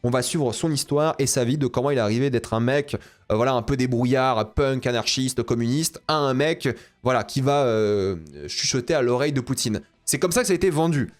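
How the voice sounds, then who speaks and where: A man's voice: medium pitch, a little fast. A young man giving a casual spoken film review, exasperated and ranting, repeating himself. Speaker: film critic.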